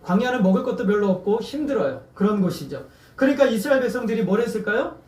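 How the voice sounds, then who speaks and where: Man, pastor, high voice, sermon, quizzes the congregation, echoey church, mic set back. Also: expressive, fast talker, a little mellow, distant mic. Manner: asks the congregation questions and has them repeat words. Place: church sanctuary.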